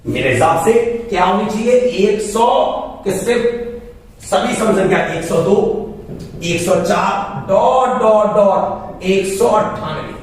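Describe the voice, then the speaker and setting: A male math tutor with a high voice talks slowly and patiently, working through each problem out loud. He stands some distance from the mic in a very echoey room with faint background noise. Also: lively intonation. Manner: slow, step-by-step, repeats numbers aloud while working. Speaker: math teacher. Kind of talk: classroom lesson explaining exam problems. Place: coaching classroom.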